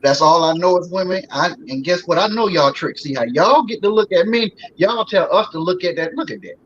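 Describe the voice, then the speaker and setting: A man's voice: high voice, expressive, brisk. A man in his forties, a guest on a talk show, talking in a loose, folksy way with lots of fillers. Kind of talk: casual talk show conversation. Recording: slightly dull sound with faint noise.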